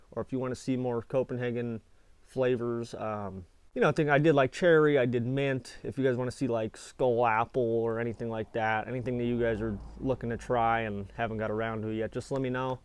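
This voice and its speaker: A man's voice: medium pitch, a little mellow, clean tone, dry recording. Young American man talking with dip in lip. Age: 20s. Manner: talks with a lip full of dip. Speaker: product reviewer, video channel host. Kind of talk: casual chat to camera. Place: small indoor space with foil-insulated walls.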